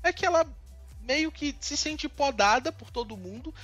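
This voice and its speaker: A man from Northeast Brazil co-hosts a casual commentary chat, speaking in a very high, fairly bright voice with lively intonation at a moderate pace. He's talkative and voices strong, indignant opinions, restarting his sentences often. Soft music plays in the background.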